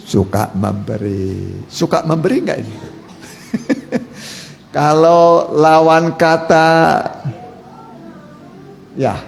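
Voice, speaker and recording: Gravelly pastor quizzing his church. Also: on the high side. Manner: quizzes the congregation, jokes, repeats key words. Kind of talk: interactive sermon with call and response. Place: church hall. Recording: echoey church hall with faint noise.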